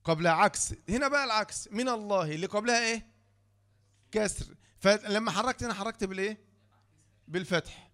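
A man's voice: sits high, a bit bright. A man with an Egyptian accent teaching Quran recitation rules, quizzing himself and answering, spelling words letter by letter. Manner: asks rhetorical questions and answers them himself. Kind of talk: tajweed lesson explaining rules from a book.

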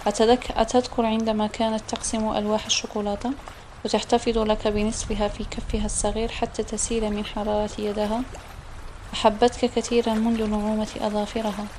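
A woman reading the part of a gentle, wise, widowed middle-aged mother in an audiobook, soft and tender. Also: medium pitch, flat delivery, quick pace, slight background noise, close to an everyday voice.

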